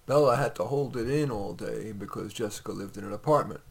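A male author reading his short stories on a podcast, relaxed and conversational. His voice has a gravelly, husky grain, and he drops in the odd filler between lines. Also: fairly low pitch, a little fast.

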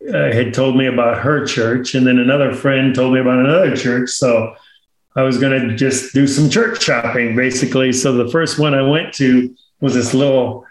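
A man sharing his faith testimony as a guest in casual talk, earnest and unhurried, with many fillers. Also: medium pitch, fairly even intonation. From Omaha area. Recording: roomy echo.

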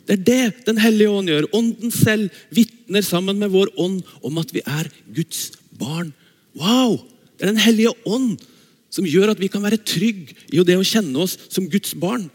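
A man preaching a sermon and reading from the Bible, enthusiastic, switching between slow reading and quick asides. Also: sits high. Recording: long reverb of a large hall.

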